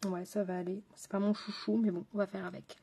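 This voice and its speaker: A woman's voice: mid-range voice, little pitch movement, brisk, vocal fry, background noise. A woman with a French accent, a makeup artist chatting with viewers while doing her makeup on a live stream. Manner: chatty, talks straight to viewers and chat.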